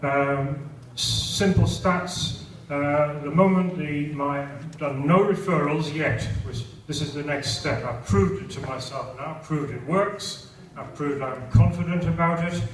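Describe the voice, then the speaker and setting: A man's voice: a little high, a little slow, few pauses. Older British man speaking in an echoey hall. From Britain. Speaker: event speaker. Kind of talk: testimonial speech at an event. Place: large event hall. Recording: echoey hall, distant mic, noisy.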